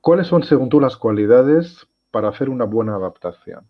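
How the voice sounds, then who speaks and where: A man's voice: mid-range voice, animated, brisk. A man interviewing a guest, asking rambling questions with many restarts in a casual video-call chat. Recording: dull lo-fi video-call sound.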